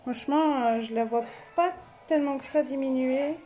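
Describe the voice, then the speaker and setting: High-voiced chatty woman vlogger. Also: moderate pace, mellow. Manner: chatty, filler-heavy, self-correcting. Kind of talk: casual chat while swatching paints.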